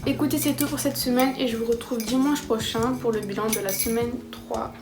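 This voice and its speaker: A young woman vlogger chatting casually to camera, self-mocking and excitable. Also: fairly high pitch, brisk. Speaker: vlogger tracking her language learning. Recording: roomy echo with background music.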